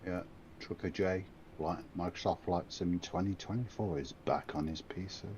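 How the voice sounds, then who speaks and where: Man co-host, very deep, short teasing replies, muffled line. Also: fairly even intonation, moderate pace, darkish tone, a little hiss or hum. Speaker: co-host friend. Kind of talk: casual chat.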